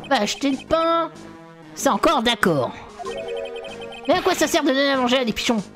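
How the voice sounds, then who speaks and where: A woman's voice: sits high, expressive, moderate pace, music in the background. A woman voicing a rude, grumbling old male craftsman in a video game playthrough. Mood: ranting.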